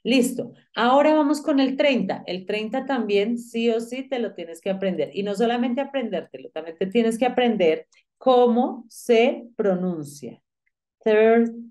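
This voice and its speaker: Woman, English teacher, warm relaxed voice, patient, repeats words for drills. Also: mid-range voice. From Colombia. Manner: addresses the student directly, with frequent "pilas" and "listo". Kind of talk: online English lesson.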